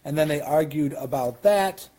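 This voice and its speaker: A man's voice: on the high side, moderate pace, mellow, husky. A man with a Western New York accent teaching a Talmud class as rabbi, explaining in a conversational way with questions and asides. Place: synagogue classroom.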